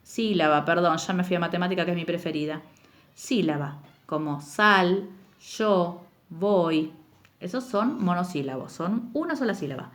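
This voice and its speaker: Young woman teacher, animated patient delivery for a remote class. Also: fairly low pitch. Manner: slow, emphatic spelling-out of words for children. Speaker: primary school teacher. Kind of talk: recorded remote lesson, explaining exercises.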